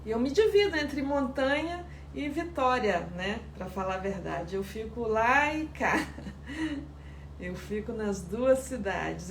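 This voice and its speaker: A woman teaching sourdough on a live stream, chatty and greeting viewers by name. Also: fairly high pitch. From Espírito Santo, Brazil. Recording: echoey room with faint background noise.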